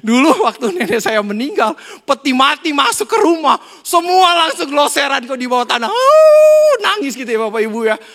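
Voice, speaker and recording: High, bright-voiced preacher. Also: male voice, fairly quick, hardly any pauses. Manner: lively, conversational preaching with rhetorical questions and jokes. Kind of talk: sermon. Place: church hall during a Sunday service. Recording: long church-hall reverb.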